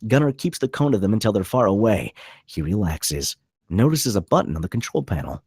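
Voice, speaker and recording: In a low, rough-edged voice, a man reads a script briskly, delivering the stage directions in a dramatic, animated way. The recording is dry and close, with no room sound.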